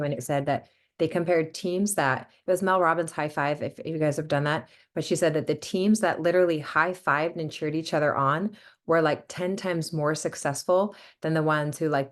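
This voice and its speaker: Woman, sick voice, deep, casual book chat, chatty with fillers. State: sick, voice lowered. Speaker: book club host.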